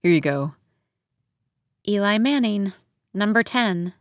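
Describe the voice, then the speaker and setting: A woman voicing a calm, kind young college man who speaks softly and easily. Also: mid-range voice, slow, no room sound, studio quality. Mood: easygoing.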